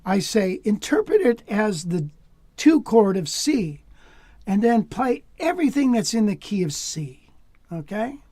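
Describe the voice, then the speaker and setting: A man teaching jazz guitar in a relaxed, casual way, sometimes dropping to a near whisper. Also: sits high, a little slow, dry recording. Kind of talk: relaxed lesson talk.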